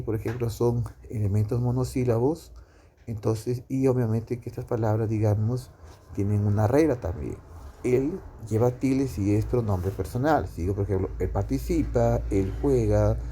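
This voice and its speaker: A man teaching a grammar lesson, explaining slowly with many fillers and tag questions. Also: medium pitch, warm tone, slightly rough.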